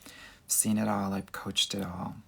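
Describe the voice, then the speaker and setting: A man with a low-pitched, gravelly, bright voice speaks in a level, forceful tone at a moderate pace, sounding slightly rough. He's a dating coach hosting a livestream, offering casual advice in a Southern California Valley Girl accent with sassy girlfriend-to-girlfriend chatter full of "girl" and "honey."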